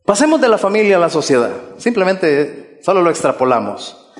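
High-voiced male preacher, echoing hall. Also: very animated, normal speed. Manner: earnest, exhorting, repeats key phrases. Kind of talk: sermon.

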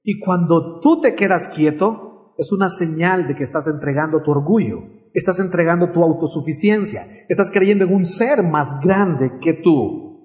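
A man's voice: a little high, normal speed, a little mellow. A man preaching a sermon in an earnest way, often asking his listeners questions.

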